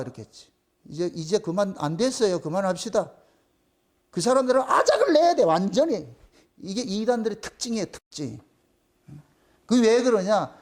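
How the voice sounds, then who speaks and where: A middle-aged man preaching a sermon as pastor, emphatic and insistent, repeating his points. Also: extremely high pitch. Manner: briefly sings a slow hymn line.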